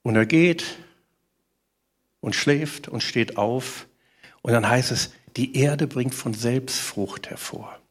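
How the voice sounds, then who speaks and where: A man preaching a sermon to a congregation, animated and asking rhetorical questions. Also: medium pitch, slow pace, slightly rough.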